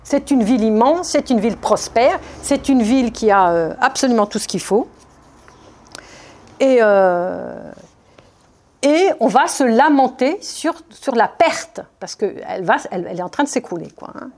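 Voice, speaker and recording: A woman giving a Bible study talk, reading verses and explaining them in a spontaneous, halting way with many fillers and restarts. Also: a little high, animated, a little mellow. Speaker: Bible teacher.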